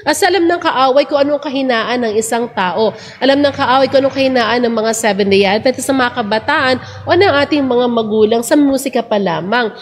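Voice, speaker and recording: A woman's voice: fairly high pitch, a little fast, big-room sound, slight background noise. A woman hosting a casual religious talk, chatty and earnest, switching between Tagalog and English. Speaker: church program host.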